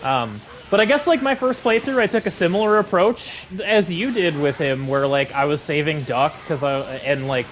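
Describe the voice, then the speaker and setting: A man co-hosting a live game stream in casual chat, easygoing and agreeable, laughing often and filling pauses with "like" and "um". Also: on the high side, animated, a little hiss or hum, rough recording. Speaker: streamer co-host.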